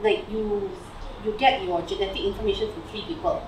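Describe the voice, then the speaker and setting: A woman's voice: medium pitch, fairly even intonation, brisk. A young Malaysian woman with a Malaysian English accent, presenting her PhD research to friends in a chatty way, full of fillers and "lah". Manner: chatty, ends phrases with "lah" and "right?", many fillers. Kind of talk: informal talk to friends. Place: living room at home, slide on a TV. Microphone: far camera across the room. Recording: roomy, distant camera audio with faint hiss.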